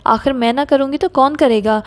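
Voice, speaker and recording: A woman's voice: sits high, close to an everyday voice. A woman reading the part of an elderly mother-in-law who complains melodramatically, sighing and groaning as she talks. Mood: complaining.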